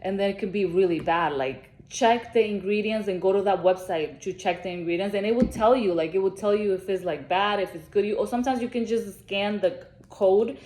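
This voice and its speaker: A woman's voice: mid-range voice, a little fast, few pauses, darkish tone, slight background noise. A woman vlogging about beauty products in casual chat to camera, rambling with lots of fillers and restarts. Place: travelling, on vacation. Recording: echoey room.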